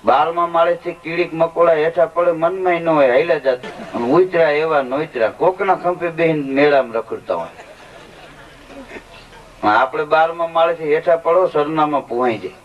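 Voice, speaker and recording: A man telling comic stories on stage at a folk show, with lively joke-telling and quoted dialogue. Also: on the high side, normal speed. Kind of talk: stage storytelling comedy. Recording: lo-fi live recording from a distance.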